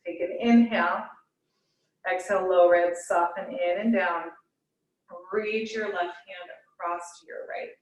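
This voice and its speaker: Soothing low-voiced woman teaching yoga, echoey room. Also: steady tone. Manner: soothing, unhurried, gently inviting cues with pauses. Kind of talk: guided hatha yoga instruction. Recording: echoey room, distant microphone.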